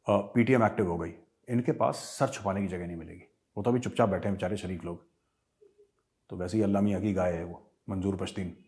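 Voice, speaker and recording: A man's voice: mid-range voice, darkish tone. A middle-aged man hosting a show, giving emphatic, opinionated commentary and slipping English phrases into his Hindi.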